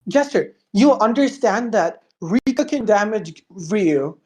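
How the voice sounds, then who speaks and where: A man's voice: high voice, animated, slow pace, darkish tone. Man moderating, talking over others. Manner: talks over others, repeats "no" and "hold on". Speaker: debate moderator. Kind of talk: heated online debate.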